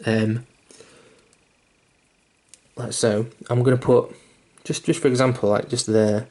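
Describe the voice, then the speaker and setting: Hiccuping as he goes, a young man walks through painting miniatures in a relaxed, slightly rambling way, full of fillers and restarts, with a curse here and there and a mildly self-deprecating streak. He speaks slowly in a mid-range, darkish voice with fairly even intonation.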